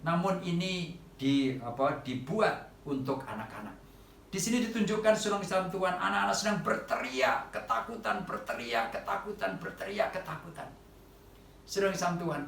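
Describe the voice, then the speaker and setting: A man preaching a sermon to a congregation at an online church service, often calling out to them and rising loud on quoted cries for help. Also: high-pitched, animated, moderate pace, vocal fry, echoey room, far from the mic, a little hiss or hum.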